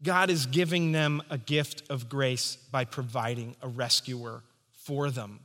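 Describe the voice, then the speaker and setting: A man's voice: mid-range voice, fairly even intonation, a little slow, bright, forceful tone, in a large hall. A man preaching a sermon, emphatic and rising and falling for stress. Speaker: pastor.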